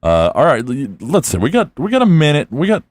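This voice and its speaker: A man's voice: a little high, wildly swooping pitch, a little fast, dry recording. A man hosting a podcast in casual chat, jokey and teasing. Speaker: podcast host.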